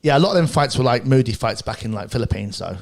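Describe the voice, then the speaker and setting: A man, co-hosting a casual podcast chat and telling a story in quick, animated bursts. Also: mid-range voice, gravelly. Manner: fast, animated storytelling with swearing and laughter. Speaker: podcast co-host.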